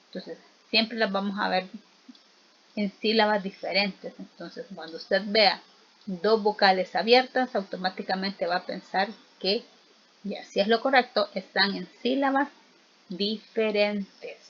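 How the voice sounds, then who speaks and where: Here a woman teacher spells vowels and sample words aloud in a recorded lesson, asking listeners to say them back; she's slow and patient. The tone of her mid-range voice is fairly bright, though the audio sounds dull.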